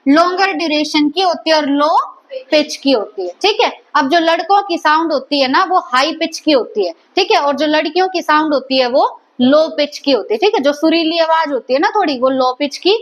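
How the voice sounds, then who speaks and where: A woman delivers a biology lecture in a classroom, her voice pitched high. She keeps checking the class with quick questions and repeats each answer back to them. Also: poor audio. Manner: quizzes students with repeated questions. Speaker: biology teacher.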